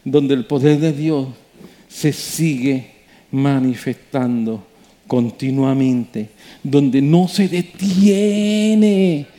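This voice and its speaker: A man's voice: medium pitch, extremely slow. A male preacher, telling a story and building to emphatic sermon preaching. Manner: animated, rising to emphatic preaching.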